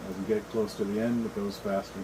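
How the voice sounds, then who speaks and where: A man's voice: lowish voice, quick pace. A middle-aged man bantering casually as a show host, blunt, opinionated and freely swearing. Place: shed. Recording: clear steady air-conditioner noise.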